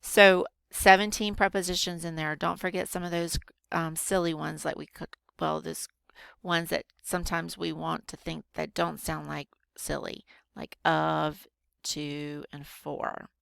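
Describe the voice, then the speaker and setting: A woman teacher patiently walking students through a grammar worksheet, slowing down to show careful reading. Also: low-pitched, level tone, creaky, a bit bright, smooth, dry recording. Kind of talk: recorded grammar lesson for students.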